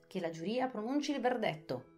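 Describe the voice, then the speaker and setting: Storybook king read by a woman: pompous, fussy, pitched high, drawn out. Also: animated, a little fast, a little mellow, faint music behind, lightly acted. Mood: self-satisfied. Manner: self-satisfied, fussy.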